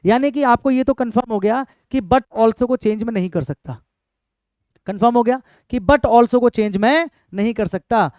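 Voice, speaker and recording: Teacher with a high, smooth voice. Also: male voice, a little mellow, no echo. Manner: repeats points and quizzes students with questions; reads example sentences slowly and emphatically. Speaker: English grammar teacher. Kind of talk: exam-prep grammar lesson.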